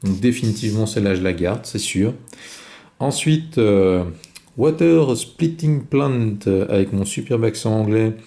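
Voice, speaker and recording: A man calmly talking through his own board game turn, explaining each card and move step by step. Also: on the low side, normal speed. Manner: calm, methodical, explains each move aloud. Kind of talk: solo board game playthrough commentary.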